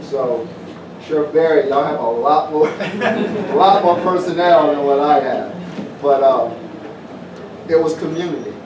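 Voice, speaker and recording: The middle-aged southwest Virginian, once a pro football player, now sounds fairly high-pitched and expressive, speaking a little slowly with frequent pauses. Addressing an evening community crowd, he announces a festival in a folksy, plainspoken style full of repeated phrases, heard through a roomy, distant mic over event noise.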